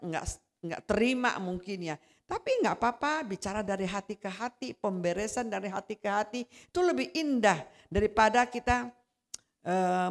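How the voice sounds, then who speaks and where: Indonesian woman preaching a testimony sermon. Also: mid-range voice. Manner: conversational, animated when retelling quarrels.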